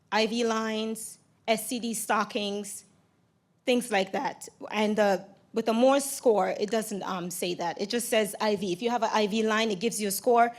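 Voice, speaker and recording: A nervous woman with a raspy, cold-roughened voice gives a conference presentation into a handheld microphone, in a halting, hesitant way. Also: on the high side. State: raspy voice from getting over a cold. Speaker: nurse presenter. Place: lecture room at a podium, indoors.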